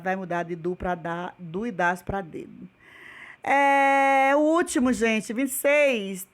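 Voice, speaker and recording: A woman's voice: mid-range voice, fairly bright tone. A woman with a Brazilian Portuguese accent teaching English in a remote video lesson, patiently repeating each word and quizzing her class with questions.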